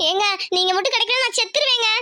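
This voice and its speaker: A shrill young village woman. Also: fast, pushed and bright, faint music behind, full character voice. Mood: desperate. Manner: pleading, anxious, emotional. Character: tearful devoted young village woman in love. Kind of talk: cartoon voice acting.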